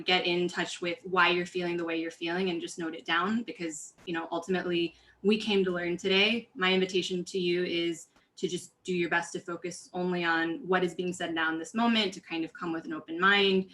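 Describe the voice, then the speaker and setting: A woman from California speaks on a webinar panel with a bright, forceful tone. Her delivery is earnest and conversational, full of fillers and self-corrections, set a little low in pitch. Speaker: diversity and inclusion coach, panelist.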